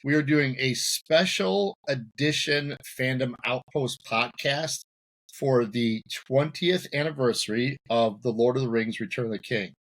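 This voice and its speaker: A man's voice: mid-range voice, a little slow. A man hosting a podcast episode in casual chat, giggly and self-deprecating. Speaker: podcast host.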